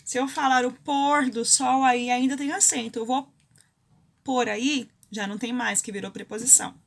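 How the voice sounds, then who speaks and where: A woman's voice: a little high, steady tone, normal speed, gravelly. A Brazilian woman teaching a grammar lesson, explaining rules step by step and often checking in with her students. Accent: Brazilian Portuguese.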